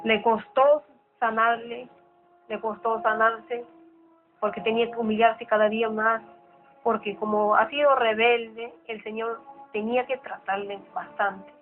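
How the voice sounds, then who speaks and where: A woman's voice: a little high, level tone, unhurried. A woman speaking earnestly in a personal testimony. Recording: tinny phone-like sound with clear music.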